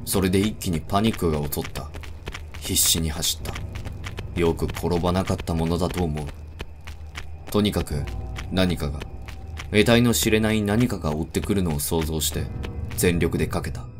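Low-voiced man reading a ghost story. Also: normal speed. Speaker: horror story narrator. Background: background music.

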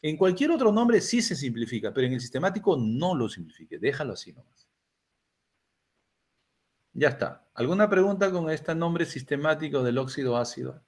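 A man's voice: on the high side, big pitch swings, moderate pace. An older man with a Peruvian Spanish accent teaching a chemistry class, asking students questions and answering them himself. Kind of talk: classroom lecture.

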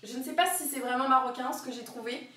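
Young woman streamer, high voice, chatty and giggly, rambling asides, mic far across the room. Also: quick pace, fairly bright tone. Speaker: streamer cooking live. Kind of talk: casual live-stream chat while cooking. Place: home kitchen. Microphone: camera on a wobbly tripod across the kitchen. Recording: very echoey kitchen, voice far from the mic.

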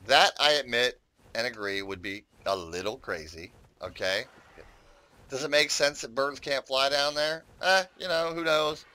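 A man's voice: medium pitch, measured pace, sharp tone, clean tone. A man giving casual, rambling commentary on his own gameplay, chatting to viewers and swearing often. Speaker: gaming YouTuber.

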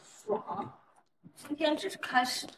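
A woman's voice: high voice, animated, takes it slowly, creaky, noisy background, exaggerated voice. A young woman playing a vengeful, coolly assertive wife in a short melodrama. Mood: teasing. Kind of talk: melodramatic short-drama acting.

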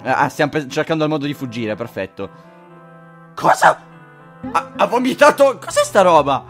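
A man gives let's-play commentary in a high, very animated voice that jumps all over. He jokes crudely and swears freely while addressing his audience directly. Faint game music plays underneath. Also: normal speed. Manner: jokey, crude, swears often; talks to viewers directly. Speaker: gaming video host.

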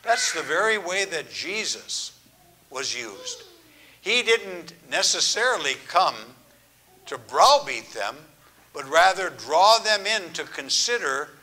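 An older man, a grandfather, preaching a sermon in an earnest, measured way, letting phrases trail off softly. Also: fairly high pitch. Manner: earnest, measured, drawn-out phrasing with soft, hushed endings. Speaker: pastor. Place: church.

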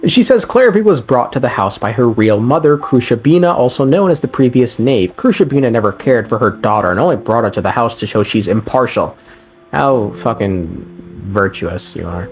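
Background music runs beneath this voiceover, in which a man offers a sarcastic, laid-back rundown of a game story laced with crude, irreverent humor. His voice sits at medium pitch, animated and at a moderate pace.

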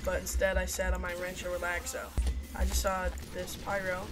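A woman's voice: on the low side, completely flat delivery, moderate pace, over music. A woman doing rambling, chatty gameplay commentary, talking to her viewers as she plays. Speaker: gaming video creator.

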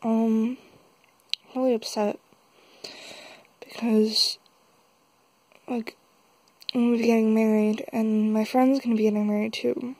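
A young woman talking haltingly in a confessional vlog, upset and tearful, as if she has just been crying. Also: fairly high pitch, flat delivery, a little mellow, no echo, poor audio. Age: young adult. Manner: halting, slow, with long pauses. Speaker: vlogger. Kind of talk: confessional vlog, casual talk. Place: small dim room indoors. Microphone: phone held close.

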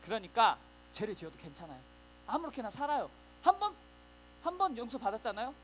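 A children's preacher voicing a smooth-talking deceiver who tempts believers, coaxing softly and then pushing. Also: medium pitch, very animated, a little fast, a little hiss or hum, poor audio.

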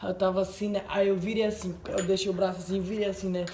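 A man talks in a fairly high voice, rambling excitably through anecdotes in a casual home vlog. Faint noise hums behind him. He leans on fillers and keeps the tone loose. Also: quick pace. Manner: excitable, rambling, full of "tipo assim" and "né". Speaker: channel host. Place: at home by a wall indoors.

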